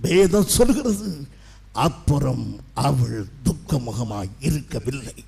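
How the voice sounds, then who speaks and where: A middle-aged male pastor preaching an impassioned sermon, swinging between loud declarations and hushed asides. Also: mid-range voice, big pitch swings, takes it slowly, gravelly, breathy edge.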